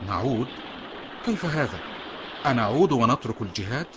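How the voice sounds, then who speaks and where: A man's voice: medium pitch, very animated, normal speed, highs cut off, background noise, lightly acted. A man playing an earnest, steadfast young devout soldier in a children's audio drama.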